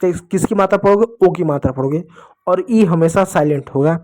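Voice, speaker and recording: A man gives a classroom phonics lesson, and his voice sits a little high. He keeps quizzing his young pupils and answering himself, calling them his dear children. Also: a little fast, a little mellow. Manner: asks questions then answers them, addresses "dear children". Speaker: English teacher.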